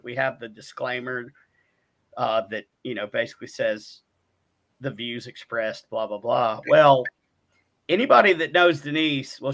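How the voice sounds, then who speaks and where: Gravelly bright-voiced jokey male host. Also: mid-range voice. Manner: jokey, playful, laughs easily. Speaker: show host. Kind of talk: casual online talk show.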